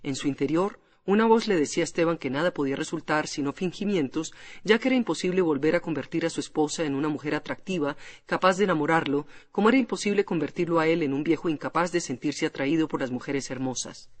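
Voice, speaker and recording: A man narrating a classic novel as an audiobook in a measured storytelling manner. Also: on the high side. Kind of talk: scripted literary narration. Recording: long hall reverb.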